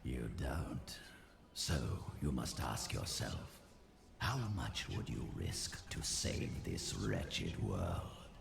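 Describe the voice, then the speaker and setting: Very deep, gravelly, menacing sorcerer villain. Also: male voice, animated, noisy background, heavily acted. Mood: menacing, bargaining. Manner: slow theatrical villain menace. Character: sinister undead male sorcerer, scheming, mocking villain. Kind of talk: dramatic video game voice acting. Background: game music.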